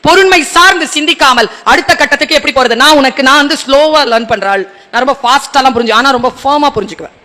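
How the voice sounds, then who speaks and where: High, bright-voiced man giving a rousing speech. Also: quick pace. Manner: rhetorical, quizzes the audience directly; acts out short dialogues in between. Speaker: motivational speaker addressing students. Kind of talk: public motivational speech.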